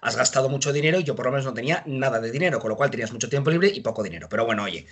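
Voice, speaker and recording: Man in his 30s, husky, rattling off funny stories super fast, kinda high voice. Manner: animated, quick, self-mocking anecdotes. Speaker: judge. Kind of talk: casual interview storytelling.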